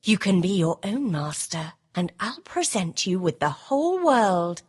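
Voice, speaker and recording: Woman as a husky, imperious ice queen. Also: medium pitch, big pitch swings, a little slow, no echo, clean studio sound. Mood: imperious, bargaining. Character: cold, commanding, regal female snow sorceress. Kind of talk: storybook game voice acting.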